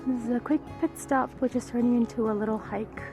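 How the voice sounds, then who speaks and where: A woman's voice: on the high side, steady tone, fairly quick, over music. A woman narrating a casual family travel vlog in a chatty way, often laughing. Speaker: vlogger.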